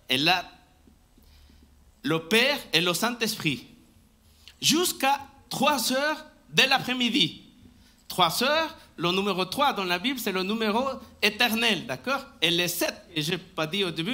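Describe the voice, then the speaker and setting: A man preaching a live sermon in church, slow and emphatic, often restarting his phrases and asking for the next slide. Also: high-pitched, pushed and bright. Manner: talks to the congregation and asks for the next slide. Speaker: pastor. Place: church sanctuary, indoors.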